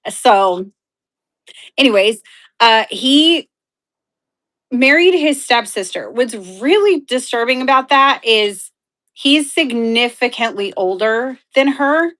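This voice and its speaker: A woman's voice: a little high, expressive, slow, fairly bright tone, poor audio. Gossiping woman telling a story. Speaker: co-host friend. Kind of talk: casual live-stream chat.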